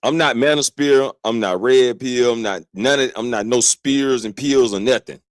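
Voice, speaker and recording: Male stream host, mid-pitched, dry close mic, casual and relaxed reaction commentary. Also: moderate pace, no echo. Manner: relaxed, laughing, talking back to the clip.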